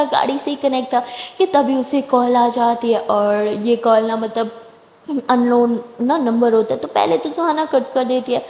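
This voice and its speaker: Female storyteller, chatty, high voice, roomy echo. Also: mellow. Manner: chatty, asides to listeners. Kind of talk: casual spoken story narration. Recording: echoey room with long reverb.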